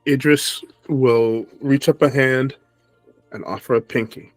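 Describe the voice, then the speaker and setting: A man's voice: mid-range voice, steady tone, measured pace, no echo, soft background music. A man playing a tabletop role-playing game, talking in character and describing his moves.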